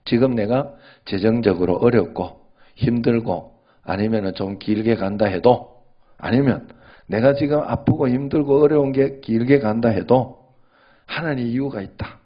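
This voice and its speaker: A man's voice: medium pitch, moderate pace, muffled recording. A male pastor giving a sermon in a conversational way, often checking in with the congregation.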